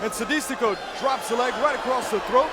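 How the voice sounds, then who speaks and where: A man giving excited lucha libre announcer commentary, calling the play-by-play emphatically. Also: extremely high pitch, fairly quick, very noisy. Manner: emphatic, shouted calls. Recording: loud music behind. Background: loud music.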